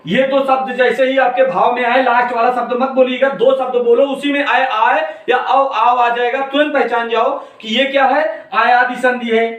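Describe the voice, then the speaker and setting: A man's voice: very high-pitched, fairly bright tone, far from the mic. A man teaching an exam-prep grammar lesson, repeating key points and calling his students "beta". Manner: repetitive, drilling, calls students "beta". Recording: echoey room, voice off-mic.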